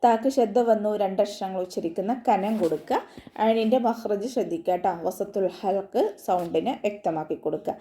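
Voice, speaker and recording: A woman's voice: mid-range voice, a little fast, dark tone. A woman teaching Quran recitation in an online lesson, explaining pronunciation patiently, step by step. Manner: patient, step-by-step instruction with frequent tag questions.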